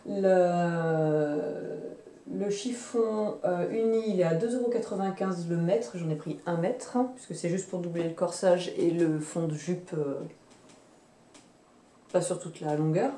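A woman in her thirties chatting casually about fabric she bought, pausing often with fillers and restarts. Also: on the low side, warm tone, far from the mic. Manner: hesitant, many fillers and restarts. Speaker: sewing vlogger. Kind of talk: casual chat showing fabric purchases. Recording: roomy sound, away from the mic.

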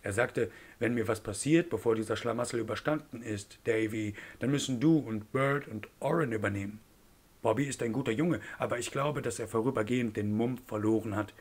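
A man's voice: mid-range voice, a little fast, slightly rough, natural voice. A man reading the part of an island man who recounts events plainly in an audiobook. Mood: earnest.

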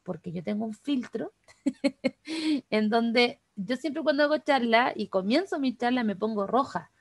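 A woman with a Chilean accent, teaching an online class over a video call, talking quickly and chattily straight to the participants. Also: on the high side, lively intonation, gravelly, no echo, clean studio sound. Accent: Chilean Spanish. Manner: fast, chatty, addresses participants directly. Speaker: workshop instructor.

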